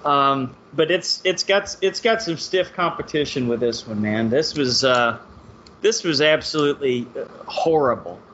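A man's voice: medium pitch, lively intonation, a little slow, fairly bright tone, muffled recording, slight background noise. A man co-hosting a podcast, animatedly giving blunt opinions about films. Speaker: podcast co-host. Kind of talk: casual chat about films.

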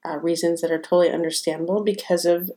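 A woman's voice: fairly low pitch, steady tone, fast talker, dark tone. A woman chatting casually as a podcast co-host, with a slight whistle on her s sounds from wearing braces. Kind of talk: casual conversational podcast talk.

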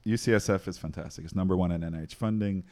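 A man's voice: low voice, very fast, dark tone. A man in his forties from Trinidad, a physician and researcher talking casually as an interview guest, with frequent laughs and many ums and restarts. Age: 40s.

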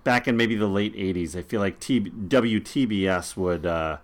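A man's voice: lowish voice, moderate pace. A man in his forties hosting a casual film podcast, rambling and laughing often. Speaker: podcast host.

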